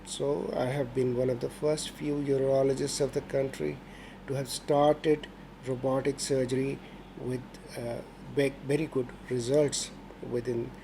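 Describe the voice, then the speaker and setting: A middle-aged man speaks with an Indian accent in a mellow, relaxed tone. He presents himself formally and at a measured pace, like a senior doctor addressing patients. A faint noise sits behind the voice. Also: mid-range voice, creaky, rough recording. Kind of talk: promotional self-introduction to camera.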